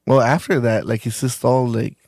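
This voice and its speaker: A man's voice: mid-range voice, fairly even intonation, normal speed, darkish tone, no room sound, studio quality. A married man co-hosting a podcast, chatting casually and rambling with many "like"s and restarts. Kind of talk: casual chat.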